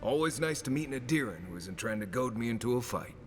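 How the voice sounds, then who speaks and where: A man's voice: mid-range voice, expressive, fast, faint music behind, natural voice. A man playing a wry, easygoing adventurer in a fantasy video game, with a dry, offhand delivery.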